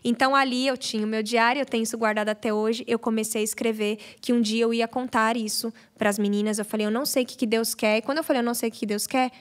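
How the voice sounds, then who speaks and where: A young woman, a podcast guest, telling a personal faith testimony in an animated, storytelling way. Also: a little high, fast, few pauses. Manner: animated storyteller, acts out quoted prayers. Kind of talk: casual testimony chat.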